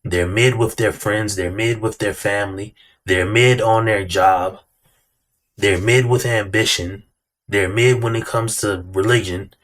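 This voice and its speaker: A man hosts a reaction video in a fairly low voice. He talks casually and bluntly, full of slang, and drives his points home by repeating phrases. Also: steady tone, a little slow, a bit bright. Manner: blunt, repetitive emphasis.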